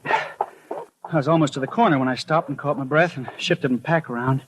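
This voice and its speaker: A fairly high-pitched man, speaking naturally at a moderate pace, acts the part of a worried, imaginative postman in a 1950s radio drama, narrating his suspicions with anxious brooding and stammering in conversation. The rough recording has some hiss or hum and sounds like a 1950s broadcast with music.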